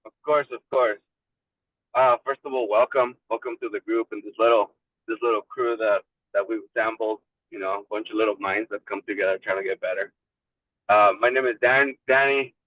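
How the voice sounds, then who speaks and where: A man's voice: fairly low pitch, fairly even intonation, brisk, dry recording. A man from Mexico calling in on a car speakerphone while driving, telling his story in a candid, loose way. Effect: car speakerphone call. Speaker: support group member. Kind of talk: casual personal story. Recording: tinny phone line, distant mic in a car.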